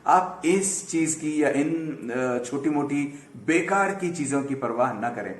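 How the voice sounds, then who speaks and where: A man, slowly and patiently explaining English letter sounds, stretching them out to demonstrate. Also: on the high side, animated, echoey room. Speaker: English pronunciation teacher. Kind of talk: explaining lesson to camera.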